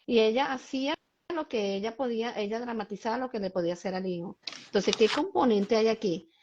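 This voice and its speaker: A woman's voice: on the high side, brisk, noisy background. Emphatic woman hosting a lo-fi livestream. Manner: emphatic, explanatory, gives examples to parents. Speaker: host and child behavior specialist. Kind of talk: live-streamed conversation.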